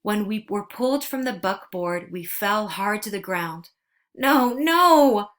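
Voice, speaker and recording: A woman narrating a storybook aloud, steady and earnest. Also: medium pitch, a little slow.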